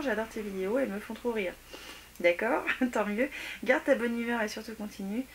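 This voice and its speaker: Chatty woman whispering over fan mail. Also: on the high side. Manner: chatty, exclaiming, often drops to soft near-whispers. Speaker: beauty vlogger opening fan mail. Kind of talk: casual unboxing chat. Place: at home. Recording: noisy home recording with clicks.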